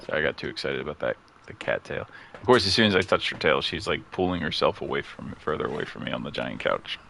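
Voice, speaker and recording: Deep-voiced, lively male gamer chatting. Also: fast, vocal fry, a little hiss or hum. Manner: chatty, laughs easily, talks aside about his cat. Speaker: gaming streamer. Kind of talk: casual let's-play commentary. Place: at home near a couch.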